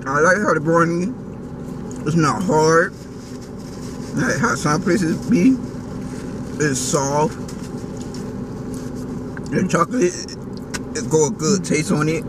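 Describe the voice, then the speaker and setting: A young man with a fairly high voice talks through a face mask, chatty and relaxed as he reviews food. He sits back from the mic, and the traffic noise behind him comes through clearly. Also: recorded from a distance. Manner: relaxed, chatty, a little halting. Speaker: food vlogger. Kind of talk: casual food review vlog.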